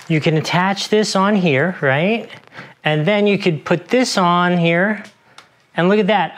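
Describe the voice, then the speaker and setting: A man's voice: a little high, slight background noise. Chatty man reviewing a gadget. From lives in Florida. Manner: enthusiastic, chatty, self-deprecating. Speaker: product reviewer. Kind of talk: casual unboxing review. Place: outdoor garage testing studio.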